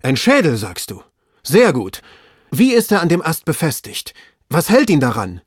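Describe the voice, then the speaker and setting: A man reading aloud, voicing an excitable gentleman shouting urgent orders up a tree. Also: on the high side, moderate pace, breathy edge, dry recording, studio quality, pitched above the performer's own voice, heavily acted. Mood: excited. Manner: loud, urgent commands. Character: excitable gentleman treasure hunter, man, agitated. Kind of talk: audiobook reading.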